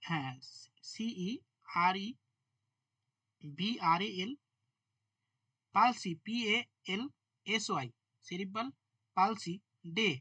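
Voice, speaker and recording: Bright, husky male teacher dictating quiz questions. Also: high voice, expressive, no room sound. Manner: dictates questions slowly, spelling words letter by letter; chatty asides to students. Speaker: current affairs quiz teacher. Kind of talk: live exam-prep class dictation.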